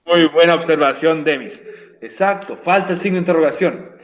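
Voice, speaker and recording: A man's voice: a little high, brisk, echoey room. A man teaching an online English class, patient and encouraging, explaining step by step.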